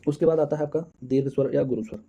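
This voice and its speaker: A man teaches an exam-prep lesson in a very dark, husky voice. He asks questions and counts out the answers aloud, calling his viewers friends. The recording sounds dull and lo-fi. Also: fairly high pitch, fairly even intonation, fast talker.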